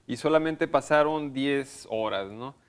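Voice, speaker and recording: A man's voice: mid-range voice, measured pace, smooth. A man co-hosting a cultural radio talk show, musing in a reflective, hesitant way with many fillers, on a studio microphone. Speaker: radio co-host.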